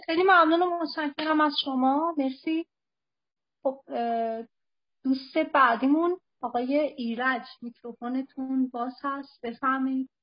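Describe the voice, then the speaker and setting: A woman's voice: high voice, steady tone. A woman moderating an online meeting, brief, courteous and formal as she hands the floor to each speaker. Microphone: online call. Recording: dull online call audio.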